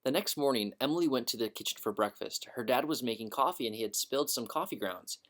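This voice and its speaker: Male narrator for a children's storybook, calm and clear. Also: medium pitch, fast talker.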